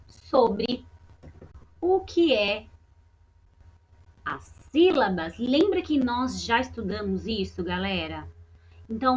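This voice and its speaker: A woman's voice: a little high, fairly bright tone. Patient woman teacher, lo-fi. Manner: patient, repeats and points things out. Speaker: primary school teacher. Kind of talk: remote lesson walkthrough.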